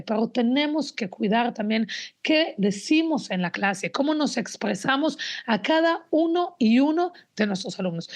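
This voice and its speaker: A woman presents to an audience of teachers and parents, walking them through her slides. Her voice sits a little high, and her delivery is earnest and explanatory, often turning to address the audience directly. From Mexico. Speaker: educator giving a talk to teachers and parents. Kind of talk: spoken presentation about images on slides.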